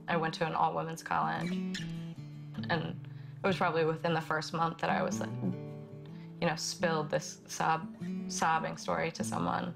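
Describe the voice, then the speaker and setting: Young woman, documentary testimony; low, gravelly voice, halting delivery, guitar music under the voice. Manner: halting and soft-spoken, many pauses and fillers. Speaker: interviewee.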